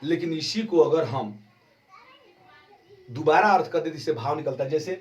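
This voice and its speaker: Slow, explanatory male Hindi teacher. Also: on the high side, distant mic, slight background noise. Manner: slow, explanatory, stretches key terms. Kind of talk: exam-prep grammar lesson.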